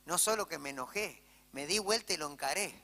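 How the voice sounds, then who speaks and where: Preaching with an Argentine Spanish accent, this male pastor sounds on the high side, creaky, pushed, and bright, with lively intonation and a slightly fast pace. His sermon unfolds as conversational stories sprinkled with "¿sí?" asides, echoing with church hall reverb.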